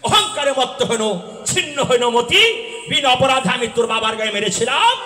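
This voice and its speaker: A man's voice: very high voice, animated, moderate pace, voice pushed up, exaggerated voice. A man voicing a proud but remorseful demon king, older uncle figure, declaiming. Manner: declaiming, shouting. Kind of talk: folk religious drama recitation. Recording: echoey hall sound.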